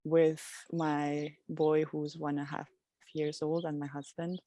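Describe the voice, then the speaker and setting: A woman from Switzerland, a podcast guest speaking outdoors in a reflective, halting way. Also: deep voice, level tone, no echo. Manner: soft, reflective, halting with restarts. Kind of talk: casual interview chat. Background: birdsong.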